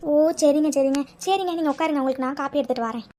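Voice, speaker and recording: A high, gentle voice for a polite housewife in a homemade cartoon, voiced by a woman. Her manner is soft and attentive. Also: rapid-fire, close to an everyday voice.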